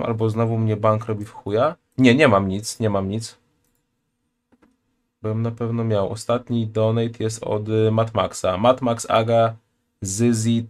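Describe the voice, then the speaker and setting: A man in his thirties, streaming from a home room, reacting bluntly and crudely in casual chat and reading donations aloud. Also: fairly low pitch. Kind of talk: casual live-stream commentary.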